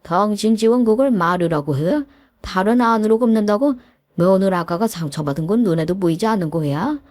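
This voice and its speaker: A woman tells a story with voiced characters, playing an enraged elderly father-in-law who harshly berates others and shouts orders. Her mid-range voice is expressive, a little mellow and moderately paced, lightly acted and free of room sound.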